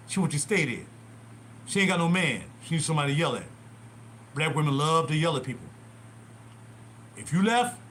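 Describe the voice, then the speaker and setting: A man's voice: on the high side, a little hiss or hum. A man in his sixties rambling through stories from his youth on a casual livestream, recorded in a small bathroom at home. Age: 60s. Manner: rambling, animated, digressive. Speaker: livestream host. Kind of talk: casual storytelling.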